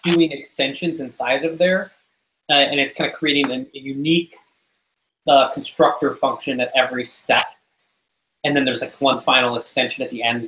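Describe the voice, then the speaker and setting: A man in an online meeting questioning a software design, thinking aloud with many restarts. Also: a little high, reverberant, a little hiss or hum, rough recording. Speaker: developer in meeting. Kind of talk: technical discussion in a meeting.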